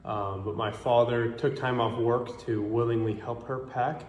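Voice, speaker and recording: A man's voice: mid-range voice, steady tone, a little slow, a little mellow, reverberant, a little hiss or hum. A man in his twenties giving a hesitant statement to camera, with many ums. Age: 20s.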